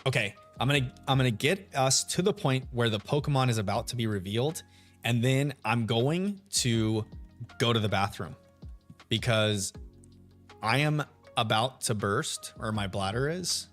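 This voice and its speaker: A deep-voiced man with a radio quality hosts a gaming livestream, sounding animated at a moderate pace. Casual and chatty, he says hello to chat members by name during a shiny hunt as soft lo-fi music plays.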